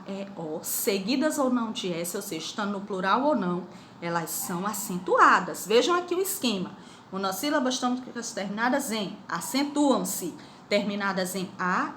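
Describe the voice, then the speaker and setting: A middle-aged Brazilian woman teaching a grammar lesson to schoolchildren, explaining slowly and asking the pupils questions. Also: medium pitch, a bit bright. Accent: Brazilian Portuguese. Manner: slow, drawn-out explanations with repeated questions to pupils. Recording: echoey room with faint noise.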